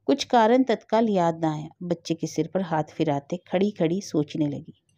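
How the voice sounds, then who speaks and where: Woman reading a sad family story aloud, mellow and dry, a bit dull sounding. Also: lowish voice, animated, normal speed, dry recording. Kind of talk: scripted story narration.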